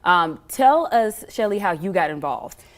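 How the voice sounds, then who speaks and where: A woman's voice: fairly low pitch, very animated, unhurried. A woman hosting a talk-show interview in an effusive, affirming, upbeat manner. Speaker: TV interview host.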